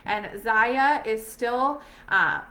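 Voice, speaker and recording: Woman, chatty sales rep, slightly high-pitched, upbeat, filler-heavy casual talk. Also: lively intonation, very slow, pushed and bright. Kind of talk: casual recruiting chat. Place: home.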